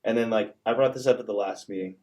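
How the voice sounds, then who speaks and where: In a laid-back podcast conversation, a young man who is a college student-athlete speaks earnestly and uses plenty of fillers. He has a fairly low, darkish voice and talks at a quick pace.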